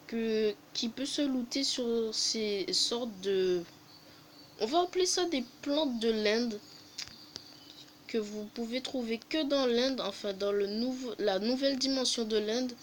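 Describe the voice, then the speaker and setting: A woman's voice: a little high, a little hiss or hum, low-quality recording. A woman hosting a casual game update review, hesitant, with many fillers and self-corrections and jokey self-mocking asides. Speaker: gaming video host.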